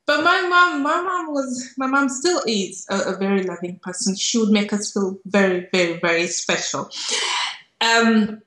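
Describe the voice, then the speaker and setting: A middle-aged Kenyan woman who grew up in Nairobi reflects on her personal story as an interview guest, repeating words for emphasis. Her medium-pitched voice is bright, forceful and unhurried. She speaks over a video call from a small indoor room through an earphone headset, and the sound is roomy and echoing.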